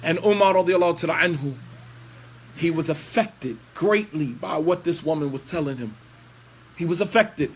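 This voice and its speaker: A man with a high-pitched voice preaches with force, scolding his listeners through pointed rhetorical questions. He tells the story in plain lecture style and slips in recited Arabic phrases. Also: lively intonation, moderate pace, slight background noise.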